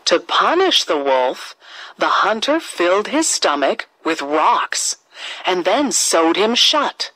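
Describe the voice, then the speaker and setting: Here a female storyteller narrates a kids' fairy tale at a slow, measured pace, her lowish voice rising and falling melodically with great liveliness. Phrasing is expressive throughout. The audio is poor, close, and dry with no echo.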